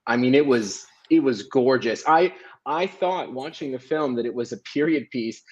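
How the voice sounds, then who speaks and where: A man at a film panel rambles nervously but warmly, piling on praise before finally reaching his question. His voice comes through a dull, lo-fi mic. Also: mid-range voice, normal speed. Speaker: film director. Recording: dull lo-fi sound.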